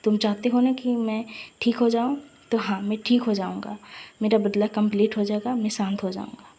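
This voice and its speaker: A woman voicing a vengeful young man who uses dark magic, defiant and mocking in a fan story reading. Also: medium pitch, level tone, moderate pace, vocal fry, breathy edge.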